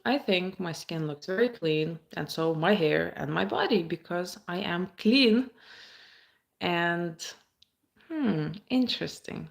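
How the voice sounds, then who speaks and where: A woman talks into her phone on a live stream, her voice sitting a little low. She chats casually and reads viewers' comments aloud before answering them. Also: animated, slow pace, gravelly. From Baltic states.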